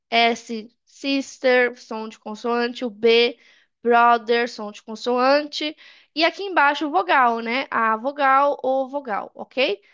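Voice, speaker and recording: A woman from Brazil teaching a basic English lesson in Portuguese, saying English examples slowly and checking in with the class often. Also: sits high, creaky, fairly bright tone, lo-fi sound. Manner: slow drilled English examples, frequent "tá?" checks.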